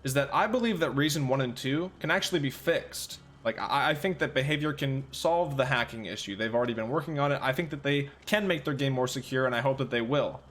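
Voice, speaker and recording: A man's voice: mid-range voice, a little fast, hardly any pauses, fairly bright tone. A man giving exasperated, ranting commentary on a video game as a gaming video creator, swearing now and then.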